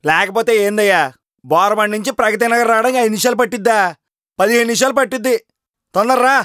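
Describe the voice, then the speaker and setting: A man's voice: high-pitched, quick pace, fairly bright tone, no room sound, clean studio sound. A man playing a flustered young assistant director, snapping on the phone and fawning to his boss. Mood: irritated. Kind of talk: comedy short film acting. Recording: music playing behind.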